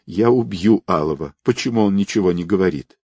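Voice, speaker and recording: A man's voice: low-pitched, brisk, darkish tone, husky, no room sound. A man reading aloud, voicing a frightened young woman who pleads and snaps at a friend. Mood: angry. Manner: pleading, frantic. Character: anxious, tearful young woman.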